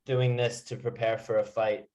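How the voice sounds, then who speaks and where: A man's voice: mid-range voice, flat delivery, moderate pace, mellow. A man tutoring English one to one, explaining informally with everyday examples. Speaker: English teacher.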